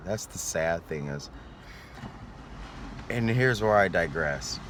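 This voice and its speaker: A man talking to his viewers in a rambling, earnest vlog, sleepy and yawning, sometimes trailing off. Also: on the low side. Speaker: vlogger. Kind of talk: reflective vlog monologue. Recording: noisy street recording.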